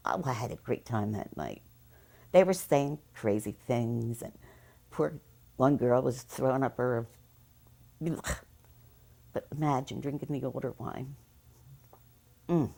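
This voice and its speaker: A woman's voice: very deep voice, darkish tone. An older woman from Philadelphia, recalling childhood mischief in an interview with gleeful laughter. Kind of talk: reminiscing interview.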